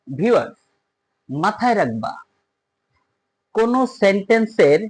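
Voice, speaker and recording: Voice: mid-range voice, poor audio. A teacher patiently explaining pronunciation rules, talking straight to viewers and repeating each point. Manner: repetitive, patient, addresses viewers directly. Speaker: English teacher.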